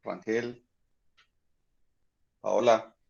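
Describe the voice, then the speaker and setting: A man teaching a high school physics class online, patiently explaining and checking in with the students often. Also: level tone, extremely slow, creaky, a little mellow, muffled recording.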